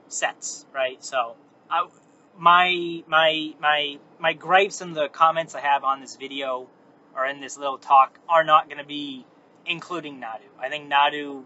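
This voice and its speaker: Driving along, a man hosts a casual, meandering, unscripted monologue, correcting himself as he goes. His voice is fairly high, pushed and bright. He records it on his phone inside the car, so the sound is muffled, with faint road noise.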